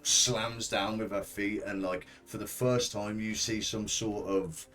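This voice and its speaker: A man acting as game master, narrating a tabletop role-play game in halting, searching descriptions. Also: on the low side, level tone, a bit bright.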